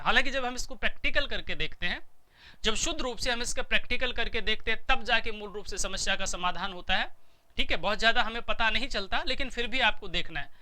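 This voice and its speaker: A man's voice: high voice, sharp tone. A middle-aged man teaching a recorded lecture, who explains patiently and says each point twice.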